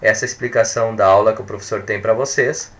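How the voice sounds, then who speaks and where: Man, teacher, crisp bright tone, emphatic, repeats key points, jokey asides. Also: lowish voice, fairly even intonation, fast talker. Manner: emphatic, repetitive drilling with asides and jokes. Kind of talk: recorded grammar lesson.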